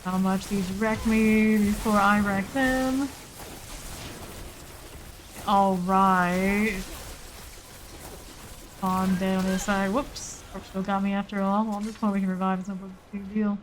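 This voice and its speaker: A woman's voice: medium pitch, level tone, unhurried, pauses often, a little hiss or hum. A woman giving casual live gameplay commentary, muttering in short clipped fragments as she thinks aloud. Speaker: game streamer.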